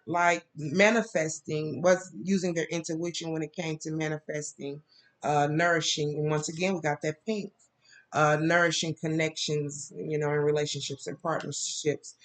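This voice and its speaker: A woman reads tarot in a casual, meandering style full of fillers. She's prone to sudden laughter and high-pitched mimicry.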